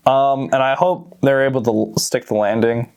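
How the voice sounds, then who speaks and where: A man's voice: mid-range voice, fairly even intonation, moderate pace, vocal fry, darkish tone, clean tone. A young man chatting about movies, agreeable and rambling, often saying "yeah" and trailing off. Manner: agreeable, lots of "yeah", rambling with restarts and laughs. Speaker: co-host. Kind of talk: casual chat about movies.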